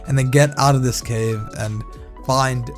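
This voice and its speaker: A young man from Thailand talks in a relaxed, conversational way, telling a personal story as he plays a game. His voice sits at an ordinary middle pitch, and soft background music plays under him. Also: a little slow. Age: young adult. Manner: relaxed, candid, conversational, reacts loudly during gameplay. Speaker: vlogger. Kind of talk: casual storytime narration over gameplay.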